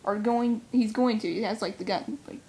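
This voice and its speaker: A woman's voice: fairly high pitch, moderate pace, mellow. A young woman co-hosting a casual fan chat, rambling and giggly as she speculates. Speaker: comic fan co-host.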